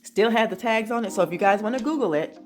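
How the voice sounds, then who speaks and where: A woman vlogging from her home office, chatty and excited, calling her viewers "y'all". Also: mid-range voice, fast talker. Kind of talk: casual chat.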